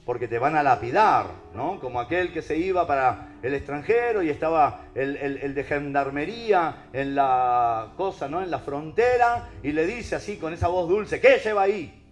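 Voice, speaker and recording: A man with a Rioplatense accent preaches to listeners, peppering his talk with rhetorical questions. His voice sits a little high and leaps up and down with emphasis. Soft music plays faintly underneath. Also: moderate pace, hardly any pauses. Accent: Rioplatense Spanish. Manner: animated, rhetorical questions to the audience.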